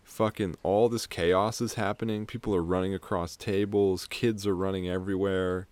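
A young man with a very low voice talks through a film plot in loose, rambling podcast chat. He swears freely and laughs often. The sound is close and dry. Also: little pitch movement, moderate pace, darkish tone, no room sound. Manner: rambling, profane retelling with laughs. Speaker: podcast co-host. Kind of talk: casual film discussion.

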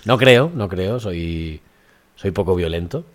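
A man's voice: deep voice, animated, slow pace, slight background noise. A man from Extremadura with a light Extremaduran Spanish accent, co-hosting a podcast in casual chat and telling stories with acted-out dialogue. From Extremadura, Spain. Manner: storytelling, acting out dialogue with laughs. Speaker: podcast co-host.

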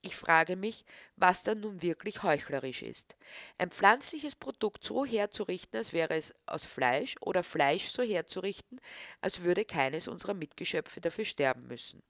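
A woman reading scripted narration in a calm, earnest, reflective way. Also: fairly low pitch, moderate pace, no room sound, studio quality.

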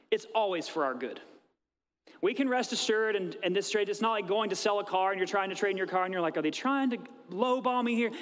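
A man in his thirties preaches to his congregation in a high-pitched, conversational voice, acting out small exchanges as he goes. His voice rings with the long reverb of a church hall. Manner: conversational preaching, acts out little dialogues. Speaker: pastor. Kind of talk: sermon. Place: church sanctuary.

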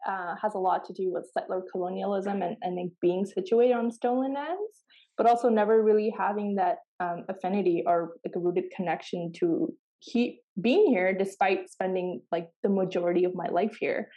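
Earnest and searching, this woman co-hosts a reflective podcast conversation, frequently restarting what she says; Pashto and Farsi are her first languages. She has a warm, medium-pitched voice at a moderate pace, on lo-fi sound.

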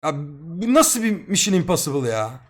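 A young man streaming and telling a story to his live chat in a casual, slangy and excitable way, swearing freely as he goes. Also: high-pitched, normal speed.

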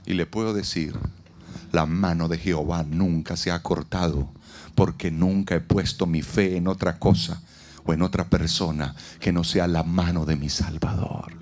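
A man preaching a sermon at an outdoor event, taking dramatic pauses and acting out the lines he quotes. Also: low-pitched, fairly even intonation, a little mellow. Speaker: pastor.

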